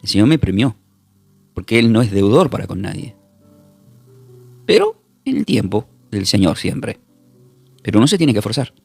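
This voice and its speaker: Argentine pastor, lively gravelly preaching voice. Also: male voice, fairly low pitch, no echo, soft background music. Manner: emphatic preaching, repeats words, spells Greek terms slowly. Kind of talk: recorded Bible class sermon.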